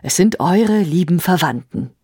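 Easygoing, doting king, played by a woman reading the story, courteous and gentle. His voice drifts a little higher than hers, with lots of lift in it. It is read close and dry, storybook style. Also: lively intonation, unhurried, breathy edge, no echo. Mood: mild, concerned. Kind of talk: audiobook character voice.

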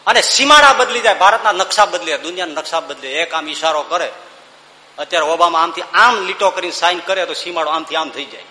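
Man, devotional discourse, emphatic, rhetorical, sung verses, bright tense voice, long hall echo. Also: a little high, quick pace. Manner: emphatic, rhetorical questions, breaks into chanted verse. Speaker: spiritual discourse speaker.

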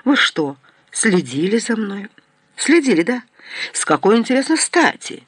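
A man voicing an agitated middle-aged male professor who stammers and bursts out in shrill outbursts. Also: very animated, normal speed, a bit bright, husky, dry recording, exaggerated voice. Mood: indignant.

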